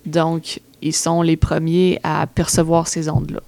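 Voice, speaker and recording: A woman's voice: low voice, little pitch movement, a little slow, creaky, warm tone, no echo. A woman with a Québécois French accent explaining facts in a casual chat, hesitant, with many fillers.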